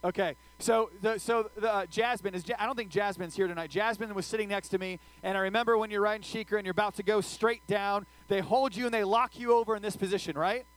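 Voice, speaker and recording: A man's voice: high voice, steady tone, fast, few pauses, rough recording. A man giving a casual youth sermon, checking in with his listeners after nearly every sentence and telling funny stories about himself. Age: adult, older than his teen listeners. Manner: tells funny personal stories, acting out his own screaming. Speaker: youth pastor.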